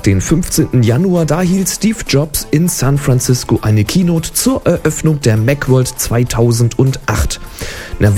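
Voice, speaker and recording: A man's voice: medium pitch, dark tone. A man hosting a podcast, giving casual tech commentary with chatty, wry asides. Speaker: podcast host.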